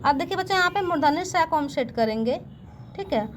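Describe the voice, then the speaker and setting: A woman's voice: very high voice, animated, brisk, slight background noise. A woman teaching a patient classroom-style lesson, speaking to the listeners as children and often asking checking questions.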